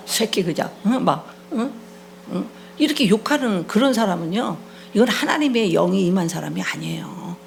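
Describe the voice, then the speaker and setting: A woman's voice: medium pitch, expressive, moderate pace, gravelly, slight background noise. A middle-aged woman pastor preaching a sermon, scolding and prodding the congregation for replies. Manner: acts out quoted voices mid-sermon.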